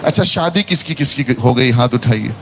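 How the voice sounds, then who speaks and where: A man's voice: mid-range voice, normal speed, noisy background. A man preaching a sermon to a congregation, telling a story and having the crowd repeat phrases after him. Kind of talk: sermon with storytelling and call-and-response.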